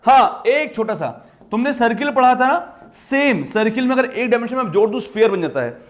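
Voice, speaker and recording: Very high-voiced man teaching maths. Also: lively intonation, fairly quick. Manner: emphatic, repetitive, addresses students directly. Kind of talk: exam-prep lesson.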